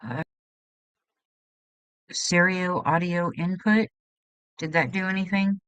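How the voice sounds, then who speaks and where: A woman hosts a relaxed live stream from her home setup, chatting in an unhurried, scattered way and greeting viewers as hun. Her voice sits a little low, and the sound is close and dry through a computer mic. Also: clean tone, no room sound, highs cut off. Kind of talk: casual live-stream chat.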